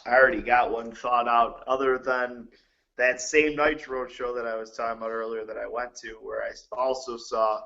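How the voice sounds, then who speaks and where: A man's voice: medium pitch, flat delivery, normal speed, vocal fry, bright, forceful tone, muffled recording. A man co-hosting a casual wrestling talk show, recounting stories with plenty of hesitant fillers. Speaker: co-host.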